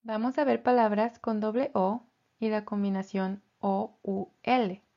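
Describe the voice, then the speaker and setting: A woman teaching English pronunciation in a slow, careful lesson, repeating each word. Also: medium pitch, steady tone, lo-fi sound.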